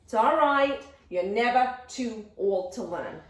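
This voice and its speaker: A woman hams it up as an effusive, chatty talk show host, dropping Yiddish exclamations in a comic sketch for teaching nurses. She speaks slowly and animatedly in a fairly high voice. The sound is roomy, picked up by a mic placed far away.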